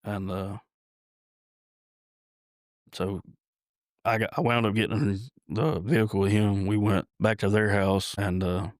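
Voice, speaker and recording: A lowish male voice, recounting his story as a podcast guest. He talks haltingly, stopping and restarting often. The sound is dry and close, with no room echo. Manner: halting, with many restarts and fillers. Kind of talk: personal storytelling in an interview.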